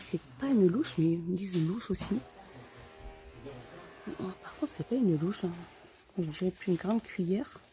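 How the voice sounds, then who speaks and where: A woman's voice: mid-range voice, mellow. Muffled woman talking through a face mask. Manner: informal, hesitant item-by-item commentary. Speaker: shopping vlogger. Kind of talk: casual store-tour narration. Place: inside a discount store.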